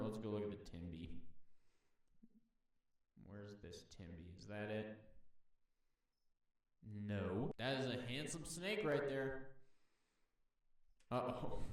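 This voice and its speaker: A man's voice: medium pitch, distant mic. A man hosts a loose, jokey run-through of the day's wildlife photos, rambling and talking to himself as he goes. His voice bounces around an echoey room. He sits some way back from the mic. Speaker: host. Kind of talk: casual commentary on wildlife photos.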